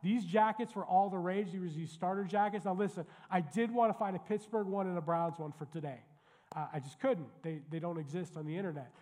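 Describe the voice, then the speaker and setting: A male pastor delivers a sermon in a relaxed, conversational way, turning to the congregation with quick asides. His voice sits somewhat high for a man. The sound rings with the long reverb of a church sanctuary.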